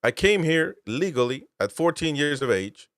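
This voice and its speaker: A man's voice: on the high side, sing-song, moderate pace, fairly bright tone, dry recording, studio quality. A man from Peru, host and military veteran, giving political commentary with emphatic, incredulous rhetorical questions.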